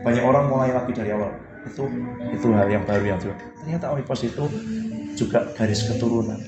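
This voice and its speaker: A man's voice: mid-range voice, fast talker. A man preaching a sermon as pastor, in an easygoing, conversational way, often tagging his sentences with "gitu ya". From Indonesia. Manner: conversational, repeats "gitu ya" a lot. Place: church hall. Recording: roomy hall with music behind.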